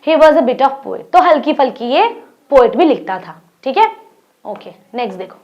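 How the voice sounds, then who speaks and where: With a high voice that swings widely in pitch, a young Indian-accented teacher sounds a little mellow, and the highs are cut off. She explains an English textbook story in Hindi, reading English lines slowly and questioning students.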